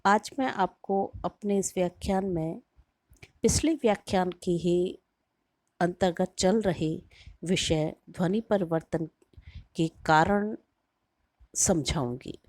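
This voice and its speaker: A woman giving a university lecture in a slow, measured, explanatory way, drawing out her example words. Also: on the low side, a little mellow, no echo. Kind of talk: recorded lecture.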